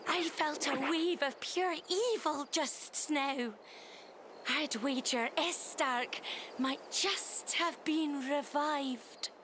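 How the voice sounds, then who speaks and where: A woman's voice: sits high, takes it slowly, background noise. A woman doing a loyal monster messenger. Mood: urgent. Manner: urgent, formal address.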